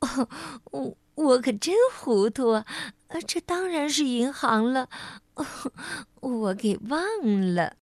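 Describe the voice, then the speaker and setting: Woman doing a high, flustered scatterbrained lady. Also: expressive, dry recording, studio quality, heavily acted. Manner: stammering, hesitant, drawn-out. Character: scatterbrained absent-minded lady, flustered and hesitant.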